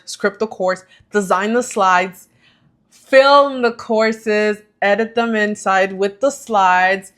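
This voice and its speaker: A woman vlogging about her coaching business in a chatty, animated way, often correcting herself mid-sentence. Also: fairly high pitch. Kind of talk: casual talking-head vlog.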